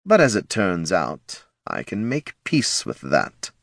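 A man's voice: deep voice, wildly swooping pitch, slow pace, gravelly, no room sound, studio quality, exaggerated voice. An audiobook narrator voicing a scheming male lich overlord, silky and condescending, whose voice climbs into grand declarations.

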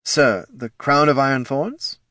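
A man's voice: mid-range voice, a little slow, sharp tone, no room sound, voice pushed up. A man voicing a nervous, fawning undead male head of marketing who stammers. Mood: helpful. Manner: jittery, stammering.

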